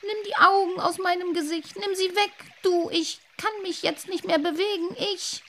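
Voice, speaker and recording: A woman's voice: a little high, sing-song, normal speed, dark tone, voice pushed up. A woman voicing a timid little water-sprite boy in a children's story, anxious and hesitant. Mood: frightened.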